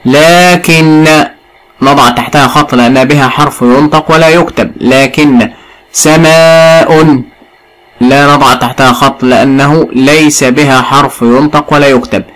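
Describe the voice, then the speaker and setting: A man with an Egyptian accent teaching a recorded lesson to young pupils, spelling words out slowly and praising answers often. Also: mid-range voice, fairly even intonation, a bit bright, low-quality recording. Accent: Egyptian Arabic. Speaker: primary school teacher.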